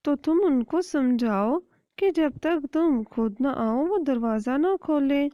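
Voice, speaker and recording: A woman's voice: sits high, mellow, dry recording, voice pushed up, natural voice. A woman voicing a friendly female sparrow in a cartoon, giving reassuring advice. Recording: dull dry lo-fi recording.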